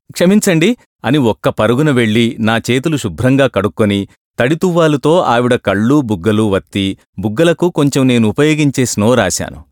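A man narrating a humorous story in an even, measured reading voice. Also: medium pitch, no room sound, clean studio sound.

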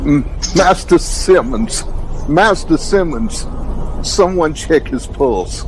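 An alarmed male servant speaks slowly in an audio drama. Clear background noise surrounds the mid-pitched voice. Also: animated. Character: alarmed man discovering his master dead. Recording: noisy dramatic ambience.

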